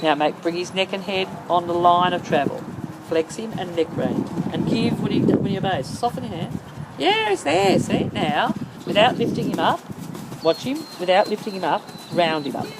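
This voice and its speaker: A woman's voice: mid-range voice, animated, normal speed. A woman working as a horse-riding instructor, calling out short, insistent, repeated coaching commands in an outdoor arena. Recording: outdoor noise over camera microphone. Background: outdoor ambient noise.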